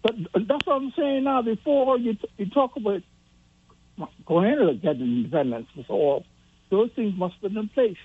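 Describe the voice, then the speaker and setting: A radio caller's husky voice comes through a tinny, dry phone line. The speaker talks haltingly, restarting sentences while working through a point. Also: mid-range voice, animated, no echo. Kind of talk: call-in opinion.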